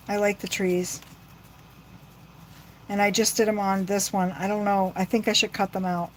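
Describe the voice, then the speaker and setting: A woman's voice: medium pitch, level tone, measured pace, slight background noise, poor audio. A middle-aged woman rambling chattily to her viewers while she works on a crafting livestream. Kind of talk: casual crafting livestream chat.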